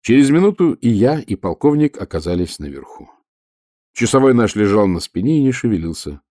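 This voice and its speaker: A man reading a first-person adventure audiobook in a lively storytelling manner. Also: lowish voice, a little fast, no echo, studio quality. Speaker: audiobook narrator.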